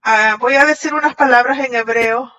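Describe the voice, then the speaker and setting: A woman voicing a Shabbat message in translation, halting at times and restarting. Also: a little high, bright, forceful tone. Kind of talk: translated sermon voice-over. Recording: dull lo-fi audio.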